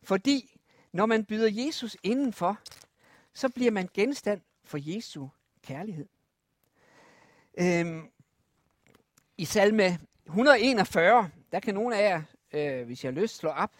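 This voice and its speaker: A preacher telling a Bible story to children, lively and asking the listeners questions. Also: mid-range voice, pauses often, no echo, clean studio sound.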